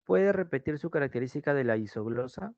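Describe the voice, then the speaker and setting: A man's voice: mid-range voice, lively intonation, brisk, gravelly, a little mellow, no echo. A man giving an online pre-university language class, often repeating his key phrases and checking in with "¿sí?". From Peru. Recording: dull, dry lo-fi mic sound.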